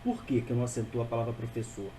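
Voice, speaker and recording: A man's voice: mid-range voice, little pitch movement, very fast, mellow, slight background noise, poor audio. A man teaching a grammar lesson, patient and repetitive, often checking in with the listener. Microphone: voice-over for a narrated video.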